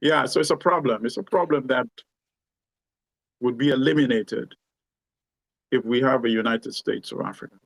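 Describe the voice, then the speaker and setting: A man talks as an interview guest, laying out his reasoning in a measured, explanatory way. His voice has a gravelly edge and a middling pitch, and it sounds dry and close with little room. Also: dry recording, rough recording. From Uganda. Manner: measured, explanatory, tags points with "you know" and "right?". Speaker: guest commentator. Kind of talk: conversational discussion.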